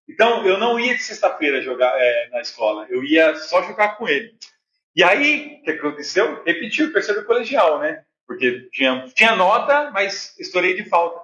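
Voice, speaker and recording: Brazilian male pastor, middle-aged, high voice, chatty sermon style, muffled echoey church recording. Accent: Brazilian Portuguese. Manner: animated and conversational, jokes with the congregation. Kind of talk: sermon with personal stories. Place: church hall. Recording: echoey church, dull lo-fi sound.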